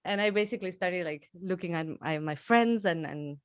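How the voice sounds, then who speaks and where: Low-voiced woman from Argentina, chatty. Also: normal speed, smooth, no echo, studio quality. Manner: chatty, laughs often, restarts words. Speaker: musician guest. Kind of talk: casual interview conversation.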